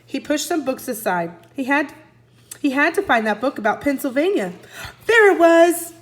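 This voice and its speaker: A first grade teacher with a fairly high voice reads a children's book aloud to a young class at a moderate pace. She's expressive, narrating and recapping the story, and she poses questions to her listeners and then answers them herself.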